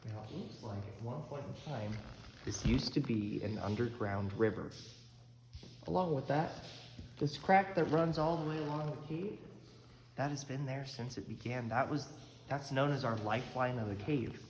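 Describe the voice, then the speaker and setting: A man's voice: mid-range voice, normal speed. A man working as an echoing cave guide, explaining formations step by step to visitors in an informal, accommodating way. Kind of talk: guided tour commentary with informal asides. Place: inside a cave. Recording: very echoey cave, long reverb, clear background noise.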